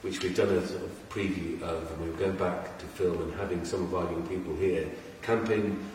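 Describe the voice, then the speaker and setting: A man's voice: low voice, fairly even intonation, normal speed, a little mellow, a little hiss or hum. An English man hosting a podcast, chatting in a rambling, enthusiastic way and often restarting his sentences. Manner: rambling, self-interrupting, enthusiastic. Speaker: podcast host. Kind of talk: casual chat interview. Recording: echoey room, far from the mic.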